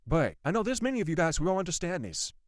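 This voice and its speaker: A man with a fairly high voice tells a ghost story straight to his viewers, his pitch swinging widely as he gets worked up. He repeats himself, swears and talks to his audience directly. The sound is dry and close. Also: very animated, fast, no echo. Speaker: vlogger. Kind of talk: casual storytelling to camera.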